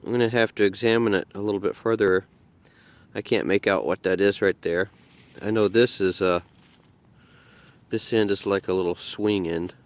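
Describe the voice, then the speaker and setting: Digging in a muddy field, this man narrates his metal detecting finds for a vlog in a relaxed, think-aloud way. He speaks at a moderate pace in a fairly low voice, leaving long pauses.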